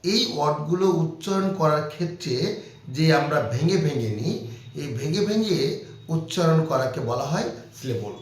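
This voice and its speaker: Guy teaching little kids grammar, kinda high voice, super echoey room, says everything twice. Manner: slow, repetitive explaining to young kids. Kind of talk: children's grammar lesson.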